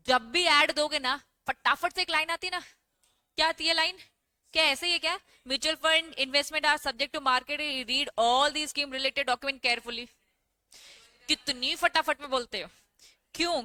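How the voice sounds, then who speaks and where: A woman teacher giving an online class, lively, putting questions to the class and answering them herself. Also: sits high, no room sound.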